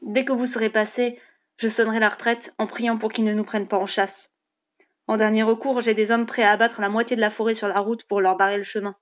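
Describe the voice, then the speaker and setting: A woman's voice: on the high side, level tone, brisk, lightly acted. A woman voicing a bold rebel leader with a cool, sardonic and persuasive manner.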